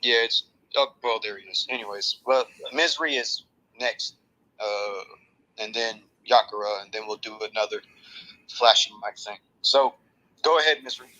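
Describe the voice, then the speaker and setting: A man moderating a casual live audio chat, briskly organizing who speaks next. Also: fairly low pitch, pushed and bright, rough recording. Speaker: room moderator.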